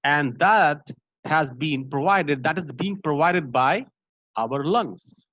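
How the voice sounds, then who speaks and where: A man's voice: fairly high pitch, lively intonation, takes it slowly, a bit bright, dry recording. Man leading an online voice class. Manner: interactive, asks the group questions. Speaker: voice trainer. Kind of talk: online training session. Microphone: video call. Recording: dry, slightly dull call audio.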